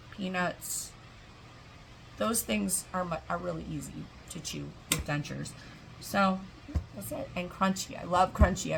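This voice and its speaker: Middle-aged woman vlogger, low gravelly voice, rambling casual chat, faint noise behind. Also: pushed and bright, low-quality recording. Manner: chatty, wandering, self-interrupting. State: talking with food in mouth.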